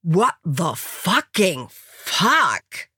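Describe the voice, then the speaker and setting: A woman reading a German story aloud and voicing a brawny, crude male Texan lover who speaks in a slow, low drawl. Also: animated, fairly bright tone, slightly rough, no echo, clean studio sound, exaggerated voice. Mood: stunned.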